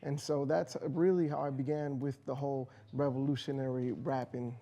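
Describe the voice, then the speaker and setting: Recorded dully in a community radio studio, an American rapper guest speaks at medium pitch with little pitch movement, a moderate pace, and a dark tone. In this casual interview he talks about his music with earnest passion and frequent restarts.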